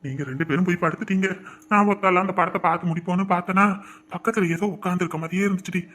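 A woman's voice: on the low side, fairly even intonation, very fast, fairly bright tone. A woman voicing a frightened husband who groans weakly in bed with a fever. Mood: sick, shaky. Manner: weak, groaning.

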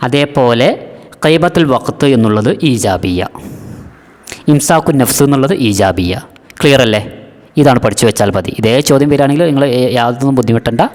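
A male teacher, mid-pitched, going over exam material patiently. He says the key terms more than once and keeps checking whether students understand. His voice carries a long echo, as in a reverberant room. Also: expressive, normal speed, a little mellow. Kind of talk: exam-prep lesson.

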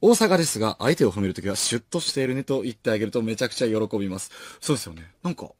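A man hosting a late-night radio show, reading listener mail aloud with animated, self-mocking chatter and frequent laughter, close on a studio microphone. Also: on the low side, racing, dry recording.

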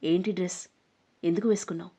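A woman voicing an arrogant, threatening young man in an audio story, speaking low and mocking. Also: fairly even intonation, moderate pace, a little mellow. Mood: menacing. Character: menacing arrogant young man, a rich bully. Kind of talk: storybook narration.

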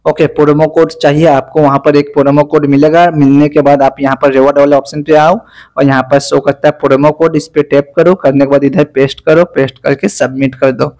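Slow, flat-toned man guiding a tutorial. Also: on the high side. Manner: speaking slowly and deliberately; instructive, repetitive step-by-step guidance. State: fasting, low energy. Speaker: app reviewer. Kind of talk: screen-recorded app tutorial.

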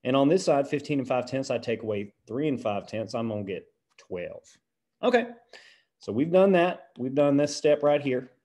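A man's voice: medium pitch, animated, mellow, close to an everyday voice. A man doing a folksy country math teacher. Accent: put-on American country. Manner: folksy, drawn-out, checks in with "right?". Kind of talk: lesson video.

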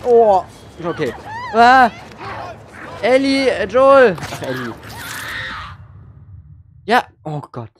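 A man's voice: high-pitched, sing-song, extremely slow, long pauses, a little hiss or hum. A man streaming a let's play, muttering sarcastic commentary to himself as he plays. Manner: sarcastic self-talk while playing. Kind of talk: gaming commentary. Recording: voice over game sounds.

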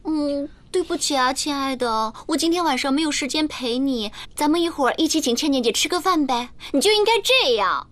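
An actress in a TV drama playing a brash, sharp-tongued woman lecturing her crying friend. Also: sits high, animated, a little fast, hardly any pauses. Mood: bossy. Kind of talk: TV drama acting.

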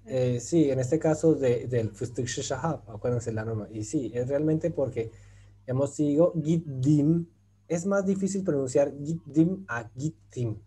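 A man's voice: mid-range voice, a little slow, mellow, breathy edge. A man teaching a Turkish grammar lesson in an online group class, explaining step by step and often checking with "right?". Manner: patient, explains step by step, often asks "¿cierto?".

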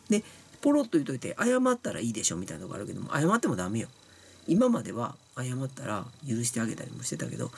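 Tipsy Kansai man, blunt and scolding, lively pitch, rambling vlog talk. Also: creaky, slight background noise. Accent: Kansai Japanese. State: tipsy and sleepy from drinking. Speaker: YouTuber talking to viewers. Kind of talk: casual monologue to camera.

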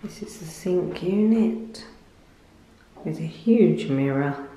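Slow chatty woman in echoey bathroom. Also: fairly low pitch, expressive, dark tone. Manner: chatty, rambling with fillers and restarts. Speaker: lifestyle vlogger. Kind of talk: casual home tour chat. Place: small tiled bathroom at home. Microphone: phone camera held by speaker. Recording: echoey tiled room.

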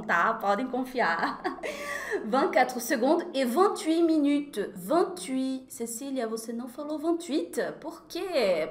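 A Brazilian woman from Recife teaching French in a lively, chatty live lesson, laughing often and slowing down to pronounce French words carefully. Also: fairly high pitch, roomy sound. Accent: Brazilian Portuguese.

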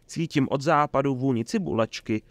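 A man's voice: mid-range voice, no room sound, pitched above the performer's own voice, natural voice. A man voicing a flamboyant, boastful male troubadour who teases and shows off, in a theatrical manner. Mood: teasing. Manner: showy, mocking, theatrical.

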